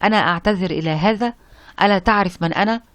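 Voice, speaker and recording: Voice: medium pitch, very fast, fairly bright tone, close to an everyday voice. A reader voicing an arrogant wealthy man over fifty, haughty and indignant.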